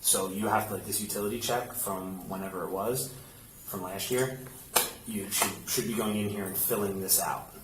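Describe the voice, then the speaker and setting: A man with a fairly low voice gives casual, hands-on instruction as a police officer. He goes step by step and checks in often. The recording is roomy and distant, with clear background noise. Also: steady tone, moderate pace. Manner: explains step by step, checking with "right?". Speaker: police officer training a colleague. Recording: roomy, noisy, distant body camera pickup.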